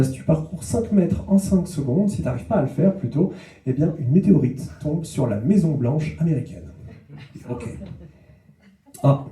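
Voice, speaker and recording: Male stand-up comic on a small stage, acts out inner voices, dark tone, distant roomy live recording. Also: fairly high pitch. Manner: animated storytelling, voicing inner voices and letters. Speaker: stand-up comedian. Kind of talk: stand-up comedy. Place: small cultural café stage before an audience. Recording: echoey room, voice from far off.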